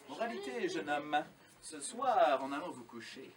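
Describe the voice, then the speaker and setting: Animated kids party magician, a man, heard from afar. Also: fairly high pitch, unhurried, a little hiss or hum. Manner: theatrical kids party magician, playful, coaxing children with questions. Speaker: children's magician performing a show. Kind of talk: live magic show for children. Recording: distant live recording, children's audience audible. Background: audience of children.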